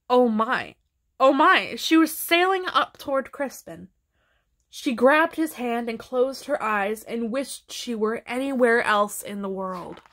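Slow, gentle woman reading a storybook. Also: on the high side. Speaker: storybook reader. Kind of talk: children's picture-book read-aloud.

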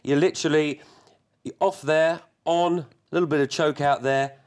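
A man's voice: on the high side, steady tone, normal speed, a little mellow. A middle-aged man demonstrating a product on a TV shopping set, talking in a chatty way full of fillers and restarts.

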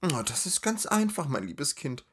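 A man voicing a giggly, vain, rich young woman in a storybook reading, in a high chattering drawl. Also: very animated, normal speed, husky.

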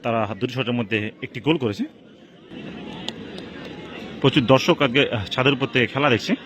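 Male football commentator, rapid-fire excited shootout calls, crowd and faint noise behind him. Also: mid-range voice. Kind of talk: live play-by-play football commentary of a penalty shootout. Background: outdoor crowd at a local football match.

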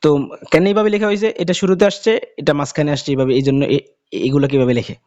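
A man's voice: fairly high pitch, expressive, darkish tone. Man drawling letter names, dull lo-fi sound. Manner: explains letters and drawls each letter name slowly again and again. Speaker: Quran reading teacher. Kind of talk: casual spoken lesson.

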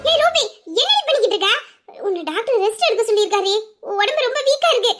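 A steady, protective older sister who serves as a police officer, as voiced by a woman in an audio drama. Her voice sits high but she talks in a firm, reassuring way. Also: quick pace, over music. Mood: soothing worry. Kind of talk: Tamil audio drama acting.

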